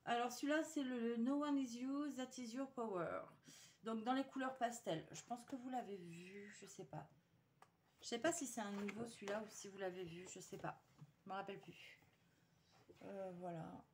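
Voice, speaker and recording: A woman's voice: mid-range voice, a little hiss or hum. A woman chatting casually to her viewers while showing a paper haul, hesitant with many fillers and restarts.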